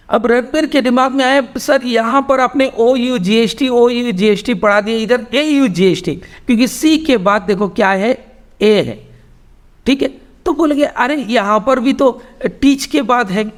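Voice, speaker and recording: Indian guy teaching english class, high voice, slow, keeps repeating words. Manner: explains slowly, repeats words, animated rises in pitch. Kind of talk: Hindi-English spoken English class.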